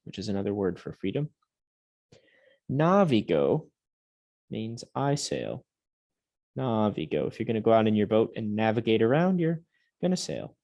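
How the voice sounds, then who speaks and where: A man teaching a Latin lesson to young students, patiently drilling words aloud slowly and clearly. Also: on the low side, warm tone. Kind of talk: recorded classroom lesson.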